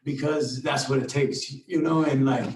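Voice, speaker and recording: Casual defendant in an echoey room. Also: male voice, mid-range voice, steady tone, measured pace, a little hiss or hum. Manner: casual, filler-heavy, eager to explain himself. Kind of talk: virtual court hearing. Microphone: video call. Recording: echoey room, distant from mic.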